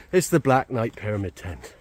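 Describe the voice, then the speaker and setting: A man's voice: mid-range voice, a little mellow. Chatty man vlogging outdoors. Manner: chatty, self-mocking, talks to camera while working. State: out of breath. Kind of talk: casual camping vlog. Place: outdoors in the woods.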